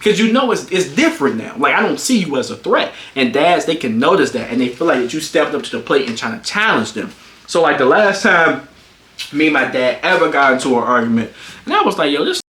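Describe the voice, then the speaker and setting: A young man in his twenties tells a story in a casual, animated way. He swears freely, and his voice jumps high when he gets worked up. It's recorded in a room with a roomy echo. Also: a little fast. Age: 20s. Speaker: streamer.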